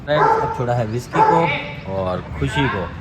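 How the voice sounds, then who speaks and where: Hoarse male dog trainer, middle pitch, outdoor vlog recording, barking dogs clearly heard behind him. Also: normal speed, heavy background noise. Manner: sharp loud commands to dogs between calm explanation. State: hoarse from a sore throat. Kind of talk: casual vlog narration while handling dogs.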